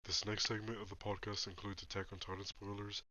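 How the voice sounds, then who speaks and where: A man's voice: fairly low pitch, little pitch movement, brisk, sharp tone, lo-fi sound. A young man hosting a podcast in casual mukbang chat, sniffling and talking while he slurps noodles. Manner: chatty, talks while eating and slurping noodles. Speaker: podcast host.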